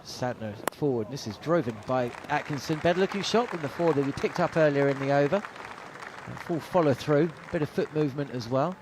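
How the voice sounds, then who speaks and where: Chatty middle-aged cricket commentator. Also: male voice, a little high, a little fast, a crowd in the background, noisy background. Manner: chatty, anecdotal, frequent uh fillers. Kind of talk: ball-by-ball radio commentary. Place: commentary box at a cricket ground.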